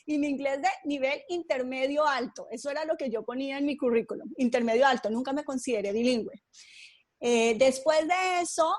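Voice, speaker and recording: Woman from Colombia, podcast guest, fairly high voice, thoughtful, many fillers. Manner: thoughtful, unhurried storytelling with frequent fillers. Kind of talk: conversational interview.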